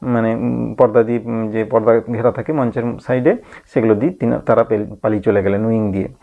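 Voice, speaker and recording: A man's voice: lowish voice, fairly even intonation, a little fast, gravelly. A male teacher reading a play aloud and explaining it in a lesson, thinking aloud with many hums and restarts. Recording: tinny phone-like audio.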